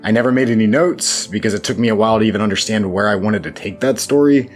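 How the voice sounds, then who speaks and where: A horror fiction writer answers interview questions reflectively, thoughtful and self-deprecating with wry asides. His voice is lowish and he talks fast. Background music plays.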